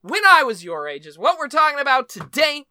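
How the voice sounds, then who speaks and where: A woman hosting a podcast in casual chat, animated and laughing often. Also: sits high, a little fast, dry recording, studio quality. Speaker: podcast host.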